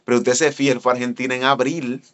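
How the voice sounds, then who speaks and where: A man, an evangelist telling a story in a sermon and speaking straight to his listeners. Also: quick pace. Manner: animated, addresses listeners directly, voice jumps high when excited. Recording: dull lo-fi recording.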